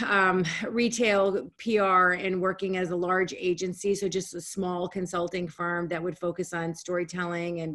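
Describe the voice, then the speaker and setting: An energetic woman, speaking at a low pitch over a video call. Her talk is conversational and lively, with quick bursts and restarts. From United States. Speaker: guest speaker. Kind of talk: webinar presentation. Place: home room, indoors.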